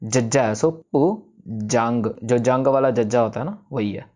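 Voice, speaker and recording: Male recitation teacher; patient, methodical, sounds words out slowly; mid-range voice. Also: medium pitch, steady tone, a little mellow. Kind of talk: explaining pronunciation of scripture.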